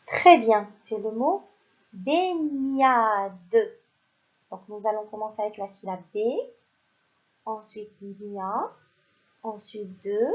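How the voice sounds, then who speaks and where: A woman teaching a recorded reading lesson to young children, speaking slowly and carefully and praising the class. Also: mid-range voice, dull audio. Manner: slow, carefully articulated, praising. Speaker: primary school teacher.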